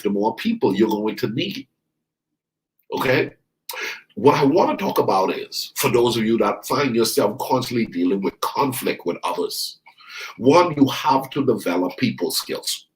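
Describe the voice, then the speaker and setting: This Bahamian life coach's voice is lowish, and the recording is rough. Preaching a motivational sermon, he talks straight to his listeners, says lines again for emphasis, and draws out key words slowly.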